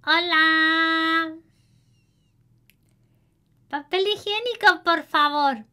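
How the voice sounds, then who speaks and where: A woman's voice: very high voice, very slow, pushed and bright, voice pushed up, full character voice. A woman voicing an eager, polite little girl. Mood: chirpy. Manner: chirpy and polite.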